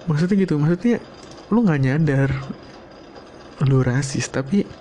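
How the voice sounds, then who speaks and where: A man's voice: on the high side, lively intonation, a little slow, dark tone, a little hiss or hum. A man, talking in a loose solo monologue at home, rambling and swearing casually. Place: home room, not a studio.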